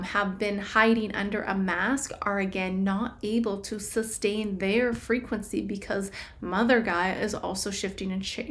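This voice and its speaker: A woman talks her way through a crystal ball and tarot reading, musing aloud and circling back to fix her words. Her pitch sits in an ordinary middle range. Her delivery stays casual and searching. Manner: rambling, self-correcting, intuitive musing. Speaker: tarot reader. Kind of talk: casual spiritual prediction reading.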